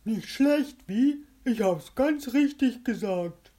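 A woman's voice: a little high, animated, warm tone, voice pushed up. A woman doing a stumbling, giggly little fellow. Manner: slow, stumbling, lisping over words. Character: nervous giggly male companion, fumbling words.

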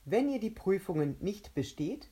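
A woman voicing a gloating male monster made of a huge mouth, who taunts and shouts triumphantly. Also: mid-range voice, sing-song, normal speed, breathy edge, voice pushed up.

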